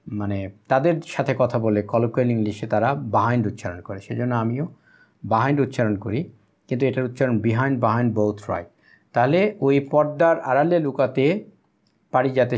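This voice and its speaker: A man from Bangladesh runs an English lesson. He reads each line slowly and carefully, then explains it at length. His voice sits at an ordinary mid pitch. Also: darkish tone. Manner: teaching pronunciation aloud. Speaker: English teacher.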